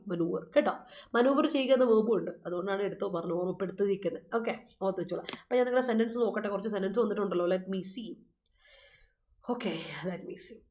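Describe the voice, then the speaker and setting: A woman's voice: medium pitch, a little mellow. Woman English teacher, patient and explanatory, reads and corrects learners' sentences; roomy, slightly muffled recording. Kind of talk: online vocabulary lesson. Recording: roomy, slightly dull audio.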